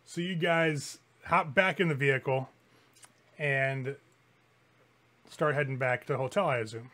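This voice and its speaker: A man's voice: mid-range voice, steady tone, unhurried, fairly bright tone. A man narrating a tabletop game as game master in a casual, sweary, informal way.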